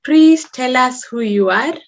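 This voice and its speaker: A woman's voice: high voice, lively intonation, unhurried, dull audio. A woman hosting an interview show, upbeat and talking straight to her viewers. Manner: upbeat, addresses viewers directly. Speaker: host. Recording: echoey room.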